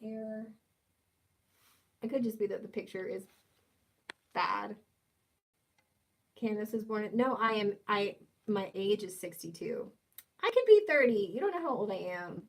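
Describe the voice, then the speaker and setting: The host is a woman in her twenties running a relaxed livestream, where she reads the chat and trades playful, teasing jokes with viewers. Her medium-pitched voice is animated, her pace a little slow, and she lets long pauses hang.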